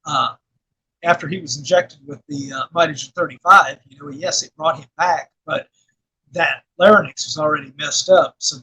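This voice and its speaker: Middle-aged arkansas man, rambling interview guest, husky and bright. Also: a little high, normal speed, poor audio. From Arkansas, USA. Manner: rambling, many fillers and restarts, laughs often. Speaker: guest filmmaker and actor. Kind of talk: casual interview chat.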